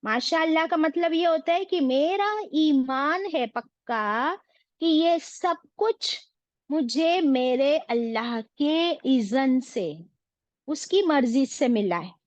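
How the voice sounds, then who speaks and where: A woman's voice: high voice, lively intonation, slow, dry recording. A woman teaching an online religious class, asking her students questions and mixing in English phrases. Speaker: Quran teacher.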